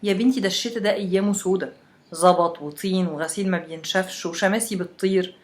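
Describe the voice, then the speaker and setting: A woman's voice: lowish voice, quick pace, lightly acted. A woman voicing a wry, chatty young Egyptian woman from Alexandria who tells a friend about winter.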